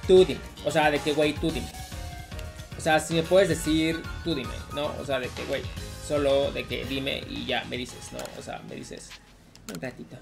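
A woman's voice: deep voice, steady tone, normal speed, creaky, over music. A woman with a Mexican accent giving casual, profane commentary while playing a video game, repeating herself as she rants. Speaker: gaming streamer.

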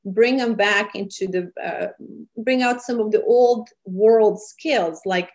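A woman's voice: mid-range voice, slow pace, a little mellow. A middle-aged woman from Serbia, a charity founder, speaking earnestly with many fillers and slightly phrasing in an interview over a webcam call from a small room. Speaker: charity founder and cooking show host. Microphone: webcam on a video call.

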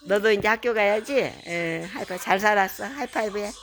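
A woman's voice: medium pitch, brisk, a bit bright. An older woman, a grandmother, reading a picture book aloud to a small child in a playful, coaxing way, imitating animal sounds.

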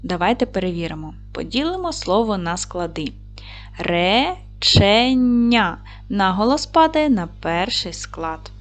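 A woman's voice: on the low side, big pitch swings, moderate pace, hardly any pauses, soft background music. A woman teaching a recorded lesson to young children. She is patient and encouraging, asks questions, and answers them herself. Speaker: primary school teacher.

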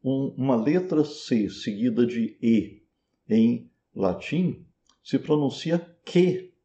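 Slow Brazilian man teaching pronunciation. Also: mid-range voice, animated, dark tone, lo-fi sound. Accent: Brazilian Portuguese. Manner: patient, repeats words to model pronunciation. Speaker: Sanskrit teacher. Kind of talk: slow explanatory lesson.

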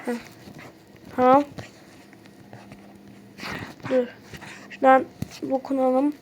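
A woman giving casual running commentary on a game she is playing, recorded on a phone, often addressing her viewers and breaking into excited shouts at surprises. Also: high voice, slow, highs cut off, a little hiss or hum. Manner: keeps saying "okay friends" while playing; bursts into excited shouts at discoveries. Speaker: gameplay commentator. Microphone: phone screen recorder.

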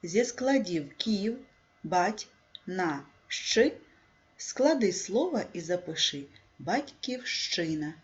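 A woman teacher with a Ukrainian accent, dictating a calligraphy lesson for young pupils in a slow, careful way that stresses syllables. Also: on the low side, very animated, dull audio. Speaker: primary school teacher. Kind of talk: calligraphy lesson for second graders.

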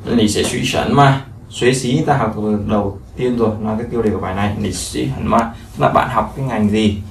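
A man's voice: fairly low pitch, fast talker, gravelly. A man, teaching a language lesson and explaining each phrase over and over with many fillers. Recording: echoey room, mic at a distance, faint noise.

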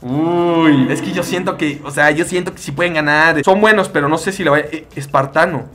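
A man's voice: fairly high pitch, normal speed, fairly bright tone, a little hiss or hum. A man with a Mexican accent giving playful, joking commentary over a battle-simulation game, full of exclamations. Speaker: gaming YouTuber. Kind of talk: excitable gameplay commentary.

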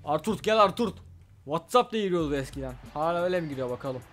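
A young man talks through a wrestling video game in casual Let's Play style. His voice sits high, and he gets excitable, trash-talking his opponent and shouting at big moves. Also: fast talker, soft background music. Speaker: gaming YouTuber.

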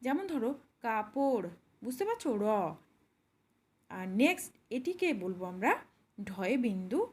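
A woman with a fairly high voice that rises and falls a lot teaches pronunciation. She explains each sound patiently and demonstrates it slowly. She speaks straight to the learner, as if sitting beside them. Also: very animated, darkish tone, husky.

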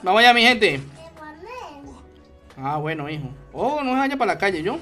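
A man's voice: high voice, sing-song, moderate pace, pushed and bright, soft background music. A man streaming a video game, commenting casually and greeting viewers by name between plays. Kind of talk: casual gaming livestream commentary.

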